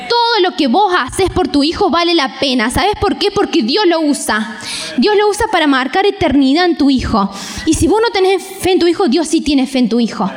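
A high-voiced woman with a Rioplatense accent preaches to a congregation, talking to them directly and acting out parents' voices. Her voice rings out with a long hall reverb, as in a large church. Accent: Rioplatense Spanish. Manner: animated, conversational, acts out parents' voices. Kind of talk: sermon.

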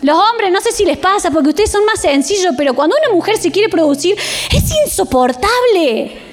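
A woman with an Argentine accent preaching a sermon in church, animated and expressive, acting out everyday scenes. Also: extremely high pitch, moderate pace. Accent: Rioplatense Argentine Spanish.

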